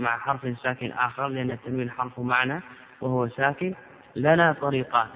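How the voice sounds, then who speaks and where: A man teaching a grammar class as a sheikh, speaking deliberately and asking questions that he then answers himself. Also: medium pitch. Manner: deliberate, poses and answers his own questions. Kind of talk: classroom lecture. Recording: lo-fi recording with long hall reverb.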